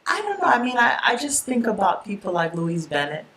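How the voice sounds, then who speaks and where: A woman of Jamaican roots, a poet and writer, talking in a relaxed, chatty way in an interview, laughing often and restarting her sentences. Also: mid-range voice, a little fast, slight background noise, rough recording. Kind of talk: relaxed interview talk with a poetry reading.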